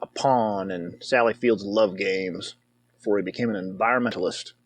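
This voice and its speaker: A man's voice: on the low side, moderate pace. A man giving casual, comedic commentary over a movie as a reviewer. He rambles, jokes, and breaks into whoops and cheers.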